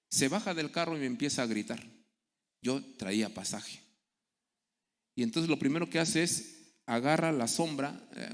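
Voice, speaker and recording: A man's voice: mid-range voice, a bit bright. A middle-aged man preaching a sermon, telling stories and acting out the people in them. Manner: storytelling, acting out quoted voices. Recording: echoey hall with long reverb.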